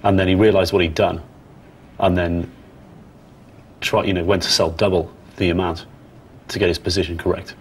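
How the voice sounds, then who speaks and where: Bloke ranting about a teammate, very deep voice, swears a lot, faint room hum. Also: male voice, flat delivery, moderate pace, long pauses. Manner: blunt, coarse, exasperated. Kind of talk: casual chat.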